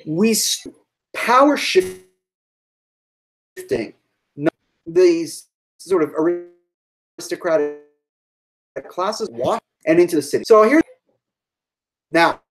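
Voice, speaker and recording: Slow, low-voiced woman lecturing. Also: lively intonation, rough recording. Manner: unhurried, musing, thinks aloud with fillers and asides. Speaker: history lecturer. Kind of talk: live-streamed lecture to online students.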